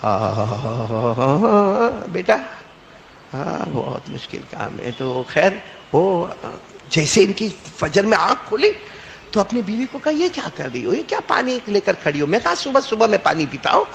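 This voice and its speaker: A man's voice: high-pitched, sing-song, creaky, a bit bright. A male preacher telling a story in a sermon, repeating phrases and calling on listeners to answer back. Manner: call-and-response, prompting listeners with "bolo"; repetitive, emphatic storytelling. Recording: echoey hall with faint noise.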